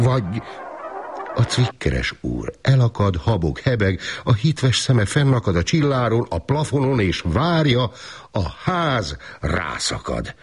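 A man's voice: low voice, noisy background. A male storyteller reading a children's bedtime story with a playful, rhythmic delivery. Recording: music playing underneath.

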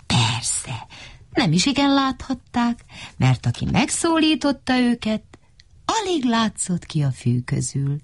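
Lively, husky woman reading a children's story. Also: mid-range voice, no echo. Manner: animated, playful sound effects and voices.

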